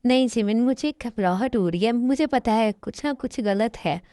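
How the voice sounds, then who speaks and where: A woman's voice: on the high side, moderate pace, dark tone, no room sound, clean studio sound, lightly acted. A woman voicing an anxious, insistent older father in a fan dub. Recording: music in background.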